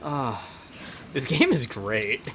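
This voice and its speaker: With a crowd audible behind him, a let's play host talks slowly in a medium-pitched voice that swings widely up and down. He's chatty and rambling, muttering to himself as he plays.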